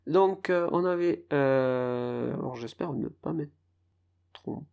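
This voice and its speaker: A man's voice: fairly high pitch, slow pace, vocal fry, smooth, highs cut off. A man hosting a casual solo podcast, rambling and self-mocking as he stumbles over foreign team names. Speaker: podcast host.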